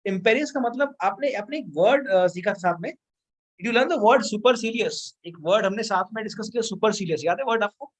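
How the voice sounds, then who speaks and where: A woman's voice: on the high side, normal speed, low-quality recording. A young adult woman with an Indian accent teaching a vocabulary lesson, mixing Hindi and English, repeating key words and quizzing her students.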